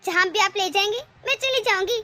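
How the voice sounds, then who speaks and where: A woman's voice: very high voice, brisk, bright, forceful tone, a little hiss or hum. A woman voicing a clever young daughter-in-law in a cartoon, sweetly polite but cheeky. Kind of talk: animated cartoon voice acting.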